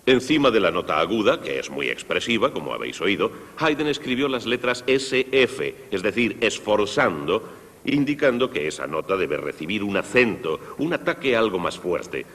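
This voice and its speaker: A man with a low, husky voice teaches young listeners about the orchestra. His pitch swings widely as he explains, speaking straight to the children. The sound carries a long hall reverb. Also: normal speed. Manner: lively, explanatory, addressing children directly. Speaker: conductor presenting a concert for young people. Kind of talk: Spanish dub of a televised music lesson.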